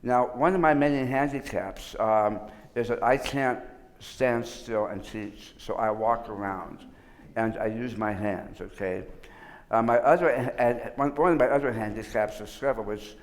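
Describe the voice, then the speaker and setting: A man with a mid-range voice leads a relaxed workshop lecture, his words shaped a little unusually by an old tongue surgery. He often stops and restarts a sentence and sometimes jokes dryly about himself. A long reverb fills the large hall around him. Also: medium pitch, normal speed. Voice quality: slightly unusual articulation after tongue surgery. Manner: informal, restarts often, dry self-mocking humor. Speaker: workshop presenter.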